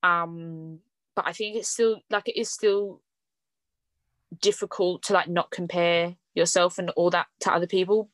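Woman, podcast host, lowish voice, dry close sound, casual and chatty, lots of fillers. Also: fairly even intonation, unhurried, no echo. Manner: chatty, fillers like "like" and "um", laughs often. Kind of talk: casual conversational podcast chat.

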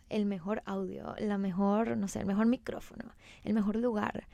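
A woman's voice: medium pitch, creaky, dark tone, dry recording. A young woman hosting a solo podcast in a casual, chatty, emphatic way, mixing in English words. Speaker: podcast host.

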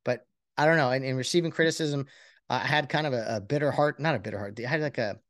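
A man's voice: mid-range voice, a bit bright, no room sound. Brief: man, podcast host, earnest rambling monologue, mid-range voice, very dry. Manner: rambling, earnest, self-reflective; halting with many restarts and fillers. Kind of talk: casual solo podcast monologue.

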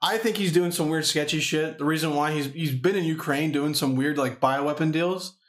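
A man's voice: fairly high pitch, moderate pace. A young man hosting a casual podcast, rambling and swearing as he jokes. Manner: profane, rambling, joking. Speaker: podcast host. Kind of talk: casual chat.

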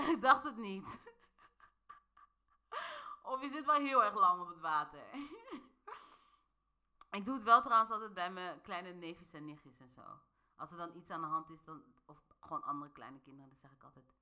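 A woman's voice: lowish voice, lively intonation, moderate pace, long pauses, pushed and bright. A woman talking straight to her viewers in a playful, casual monologue, often laughing and checking they follow her. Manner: playful, laughs often, asks the listener questions. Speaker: vlogger.

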